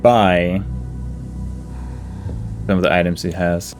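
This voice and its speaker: Over music, a man with a low, steady voice offers casual gameplay commentary at a slow pace. He thinks aloud as he plays, hesitant and musing, often trailing off mid-thought.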